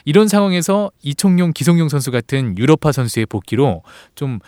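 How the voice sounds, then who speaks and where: A male sports reporter explaining football league news to a host in a clear, explanatory manner. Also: fairly high pitch, fairly quick, darkish tone, dry recording, clean studio sound.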